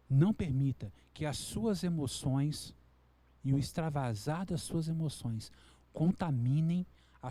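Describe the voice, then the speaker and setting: Brazilian male pastor, earnest sermon delivery, mellow slightly high voice. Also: dry recording. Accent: Brazilian Portuguese. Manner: earnest preaching, acts out quoted people in a higher voice.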